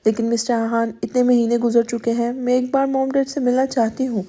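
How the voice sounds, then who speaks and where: Shy storybook wife, hesitant and pleading, high mellow voice, read by a woman. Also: level tone, lightly acted. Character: timid young wife, pleading and tearful.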